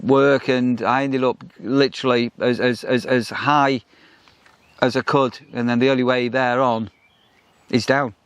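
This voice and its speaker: A man's voice: mid-range voice, fairly even intonation, measured pace, smooth, no room sound. A middle-aged man co-hosting a vlog in casual chat, rambling and restarting with lots of ums. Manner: rambling, repeats himself, many ums and restarts. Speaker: vlog co-host.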